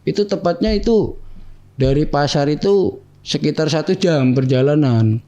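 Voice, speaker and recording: A man telling his life story to an interviewer in a casual, animated way, acting out the dialogue of the people in it. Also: fairly high pitch, normal speed, muffled recording. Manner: animated, acts out quoted dialogue in other voices; keeps addressing the listener as "bang".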